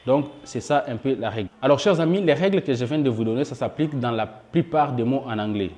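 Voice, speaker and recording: A man teaching English pronunciation in a spoken lesson, patiently repeating each example word slowly and addressing his viewers as dear friends. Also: mid-range voice, darkish tone. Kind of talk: spoken lesson for French speakers.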